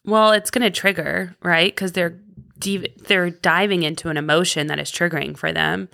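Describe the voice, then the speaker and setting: Gravelly-voiced woman podcast co-host. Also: fairly low pitch, steady tone, moderate pace, pushed and bright. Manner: candid, frank, swears. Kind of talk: casual chat.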